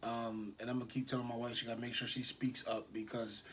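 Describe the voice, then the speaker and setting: A man's voice: mid-range voice, little pitch movement, fast talker, fairly bright tone, breathy edge. Laid-back man co-hosting a podcast. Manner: laid-back, rambling, lots of fillers. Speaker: podcast co-host. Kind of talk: casual chat.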